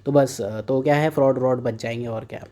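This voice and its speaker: A man's voice: mid-range voice, fairly even intonation, fairly quick, dark tone. A young man teaching a casual exam prep lesson, mixing Hindi and English with joking asides. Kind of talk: casual current affairs lesson.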